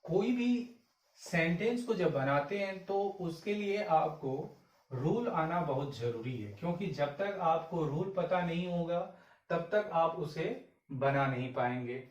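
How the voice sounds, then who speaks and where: A man teaching English grammar in Hindi, often asking himself questions and slowly dictating the example sentences word by word. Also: fairly high pitch, lively intonation. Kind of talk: Hindi-language grammar lesson. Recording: echoey room, voice a bit far from mic.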